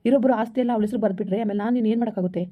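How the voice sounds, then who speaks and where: A young two-timing husband, acted by a woman, sweet-talking his way out of trouble at a rapid pace. He sounds coaxing and placating. The recording is dull and lo-fi. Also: on the high side, close to an everyday voice. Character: young married man, smooth-talking deceitful lover.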